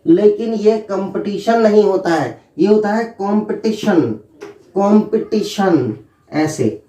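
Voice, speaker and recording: A male English teacher giving a spelling and pronunciation lesson, spelling words out letter by letter and repeating them slowly. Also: high voice, dark tone. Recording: roomy echo, distant mic.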